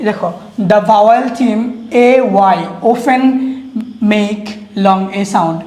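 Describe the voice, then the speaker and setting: A woman's voice: mid-range voice, a little mellow. A woman teaching English pronunciation, repeating each word several times and quizzing her listeners. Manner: patient, drawn-out spelling of letters. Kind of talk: classroom-style phonics lesson. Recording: echoey room.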